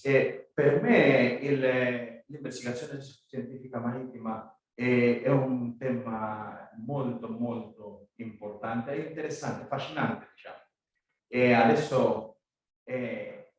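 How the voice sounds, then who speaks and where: A native Spanish-speaking man with a Spanish accent gives a conference address as guest speaker, haltingly searching for words in a language not his own. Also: mid-range voice, fairly even intonation. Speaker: guest speaker, maritime law institute director. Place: echoey conference room. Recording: very echoey room, distant microphone.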